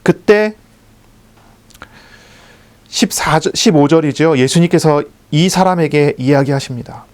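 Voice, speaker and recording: A pastor delivers his sermon in a somewhat high male voice. He explains the text patiently, repeating key phrases for emphasis. He poses questions to the congregation and answers them himself. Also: measured pace, long pauses, darkish tone.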